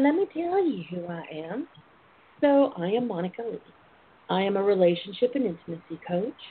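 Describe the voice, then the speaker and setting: An American woman hosting a casual phone-in talk show in a sassy, playful, chatty way. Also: medium pitch. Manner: sassy, playful, uses endearments like darling and honey. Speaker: talk show host and intimacy coach. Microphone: telephone. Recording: tinny phone line with clear noise.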